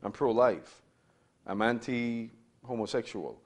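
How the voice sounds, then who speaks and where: A man's voice: medium pitch, takes it slowly. Man in his fifties teaching a Bible class, emphatic, repeats himself, asks rhetorical questions, recorded from a distance in a small room. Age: 50s.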